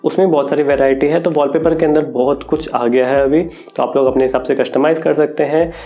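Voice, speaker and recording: A young man with a chatty, relaxed manner, casually explaining phone features in a vlog and thinking aloud as he goes. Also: fairly high pitch, fairly quick. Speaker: tech YouTuber. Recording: dull lo-fi audio.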